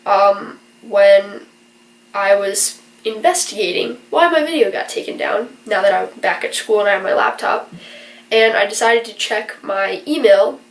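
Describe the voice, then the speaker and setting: A young adult woman, a college student who vlogs, speaks at medium pitch and an unhurried pace, sounding stuffy-nosed from a virus. She earnestly rambles through explanations in a casual vlog full of fillers. The mic sits away from her, so the room echoes noticeably.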